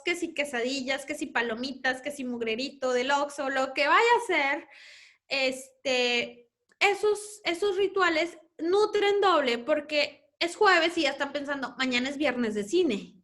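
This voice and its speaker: A woman with a Mexican accent, a mother herself, explaining family topics to parents at a conference, sometimes acting out her children. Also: high voice. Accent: Mexican Spanish. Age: adult parent. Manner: warm explanatory, acts out children's voices.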